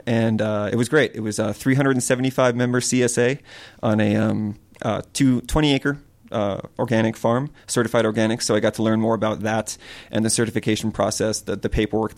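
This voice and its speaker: Man, farm owner, from Connecticut, low voice, flat delivery, earnest. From Connecticut, USA. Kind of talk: interview answers.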